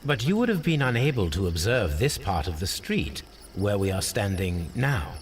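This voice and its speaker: Cool, formal detective, low voice with wide swings, heard from a distance in game audio. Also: male voice, big pitch swings, slight background noise. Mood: calm. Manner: formal and measured. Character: brilliant, cool-headed male detective.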